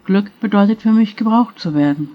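A lonely, resigned woman, played by a woman reading the story speaks of feeling useless in a downcast way. Her lines come a bit louder than the surrounding narration. The recording is slightly muffled. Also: mid-range voice, fairly quick, close to an everyday voice. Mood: sad. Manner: sad, resigned.

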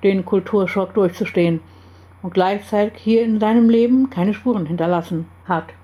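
A woman reading aloud and voicing the calm, serious male leader of a secret group. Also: medium pitch, normal speed, muffled recording, natural voice. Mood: grave.

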